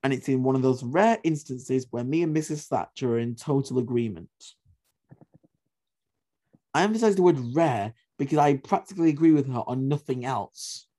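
A man's voice: medium pitch, lively intonation, moderate pace, warm tone. A man hosting a history podcast, talking in an emphatic, opinionated way, repeating points for stress and swearing casually. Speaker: podcast host.

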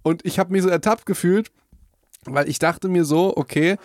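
Young male podcast co-host, fairly high voice, casual, jokes at his own expense, recorded dry. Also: moderate pace, a little mellow, no room sound. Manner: self-mocking, chatty, talks through worries with many fillers.

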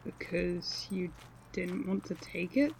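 A man playing a gentle, candid young college friend in an audio drama, plain-spoken and conversational. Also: high voice, lively intonation, takes it slowly, creaky, a little hiss or hum, heavily acted. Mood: concerned. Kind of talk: naturalistic audio drama acting.

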